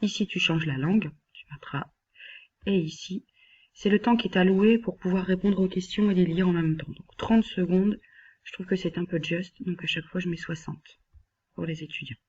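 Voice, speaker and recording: Woman instructor, husky voice, patient step-by-step screen tutorial, slightly dull computer-mic sound. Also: on the low side, normal speed, darkish tone. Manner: patient, step-by-step, addressing the listener directly. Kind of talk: screen-recorded software tutorial.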